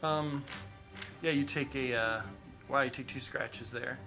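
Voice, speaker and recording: A man running a tabletop game as game master, narrating scenes in an animated, playful way. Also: medium pitch, unhurried, music in the background.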